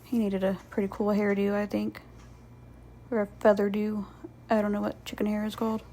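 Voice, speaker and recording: A woman's voice: mid-range voice, monotone, fairly quick, warm tone, rough recording. A woman giving casual, rambling craft voice-over commentary as host, playfully sarcastic and self-deprecating.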